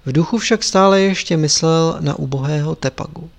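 Guy reading an audiobook, calm and measured, bit of a higher voice. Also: vocal fry. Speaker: narrator. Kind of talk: audiobook narration.

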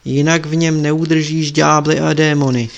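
A man's voice: on the high side, level tone, creaky, dull audio. A man voicing an old male sorcerer who teaches his apprentice in a solemn, instructive way in a storybook reading.

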